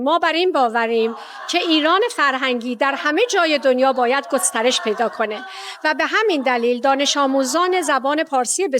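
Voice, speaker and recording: A woman's voice: high voice, a bit bright. A woman with an Iranian Persian accent, a teacher, giving formal, articulate interview answers.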